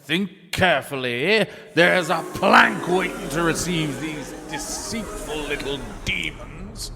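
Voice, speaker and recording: A man's voice: a little high, animated, slow pace, gravelly, long reverb tail, music in the background, exaggerated voice. A man playing a blustering pirate captain in an amateur audio pantomime.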